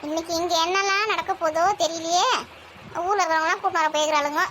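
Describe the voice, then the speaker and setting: A woman, grumbling and gossiping loudly in a comic village sketch. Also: extremely high pitch, fairly even intonation, fast, slight background noise. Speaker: comedy sketch performer.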